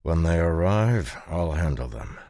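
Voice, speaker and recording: A man voicing a calm, curt young swordsman who speaks steady and unhurried. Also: low-pitched, no echo, clean studio sound.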